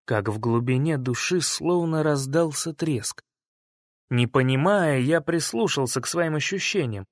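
Male audiobook reader, slightly higher voice, dry sound, measured dramatic delivery. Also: animated, no room sound. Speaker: audiobook narrator. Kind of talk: first-person audiobook narration.

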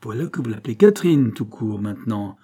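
A man's voice: on the low side, animated, a little fast, slightly rough. A man voicing an old spinster aunt, pious and suspicious, who scolds and accuses her nephew in a storybook reading. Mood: furious. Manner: sharp, accusing, sermonizing.

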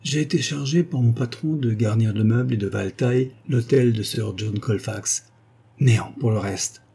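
Solemn young law clerk in a storybook reading, man doing it, mellow husky voice. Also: mid-range voice, moderate pace.

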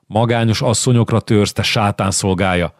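A man voicing a fierce, scolding old grandmother in an audiobook, shouting threats. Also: lowish voice, fairly even intonation, dry recording, studio quality, lightly acted. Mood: furious. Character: fierce old grandmother, burly furious matron. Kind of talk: audiobook character reading.

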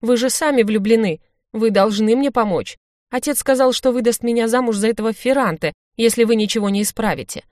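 A woman's voice: on the high side, a little fast, darkish tone, dry recording, clean studio sound, pitched above the performer's own voice, lightly acted. A woman voicing a spoiled, scheming young noblewoman who pleads and insists, in a storybook reading. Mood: pleading.

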